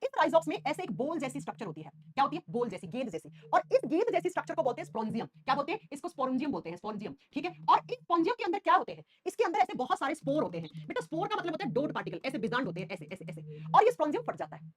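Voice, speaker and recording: A young woman teaching a science class online, animated, repeating key terms and fondly calling students "beta". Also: sits high, very fast.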